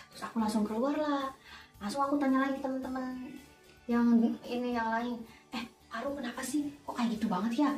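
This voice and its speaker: A young nurse who vlogs tells an animated storytime while doing her makeup, her voice high. She's recorded from a distance in a roomy indoor space, with faint music behind her.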